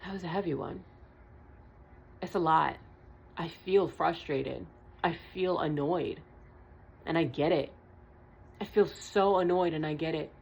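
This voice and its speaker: A woman's voice: low-pitched, measured pace, gravelly, long pauses, a little mellow, husky, lo-fi sound. A woman tarot reader delivering a channeled message in an earnest, emphatic monologue, repeating her points and swearing casually. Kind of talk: spiritual vlog monologue.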